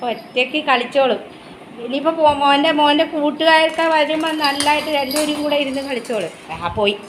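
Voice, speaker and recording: A woman's voice: high voice, a little fast, background noise. A woman vlogging casually at home, coaxing her pet dog in baby talk and chatting to viewers. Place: home, indoors and up on the terrace.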